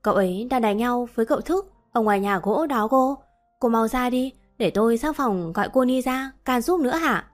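A woman reading as a hurried older maidservant. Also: fairly high pitch, lively intonation, faint music behind, lightly acted. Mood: urgent. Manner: hurried, pleading. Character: older female house servant, urgent.

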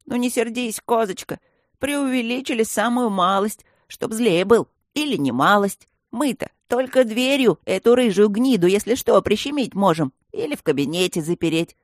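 A man voicing a jolly, teasing male stone gargoyle who banters loudly in an audiobook. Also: high voice, lively intonation, normal speed, no room sound, clean studio sound, voice pushed up. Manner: loud, bantering, cheeky.

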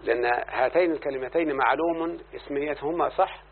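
A man's voice: on the high side, a little fast. An Egyptian man teaches grammar, explaining verses line by line and checking that his student follows. The sound is tinny and phone-like with a faint hiss behind it. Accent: Egyptian Arabic. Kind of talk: classroom lesson on grammar.

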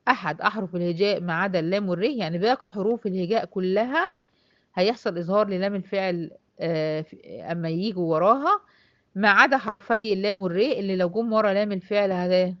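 A woman's voice: medium pitch, fast talker, dry recording, lo-fi sound. Egyptian woman teaching a tajweed class. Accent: Egyptian Arabic. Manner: explains step by step, asks and answers her own questions, drawls out example words. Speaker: Quran recitation teacher.

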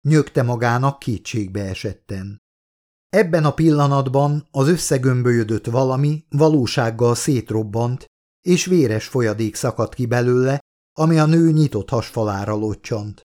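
Casting: male author-narrator, middling pitch, steady measured audiobook reading. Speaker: author reading his own book.

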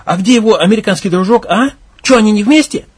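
A man voicing a hot-tempered young village gang leader who barks, mocks and shouts. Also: high-pitched, fairly quick, breathy edge. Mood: scornful. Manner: angry, mocking, shouting, coarse.

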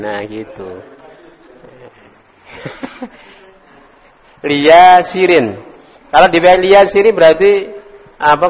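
A man teaching Arabic to a class, quizzing students, correcting them with gentle teasing and sounding out words slowly. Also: fairly high pitch, husky. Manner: drills pronunciation slowly, corrects and teases students. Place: lecture hall with students. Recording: echoey hall recording.

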